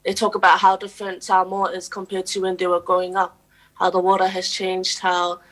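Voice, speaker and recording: Earnest young New woman, flat delivery. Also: fairly low pitch, low-quality recording. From New Zealand. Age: young adult. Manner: earnest and steady, with frequent "um" pauses. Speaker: guest, poet and youth advocate. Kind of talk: radio interview answers.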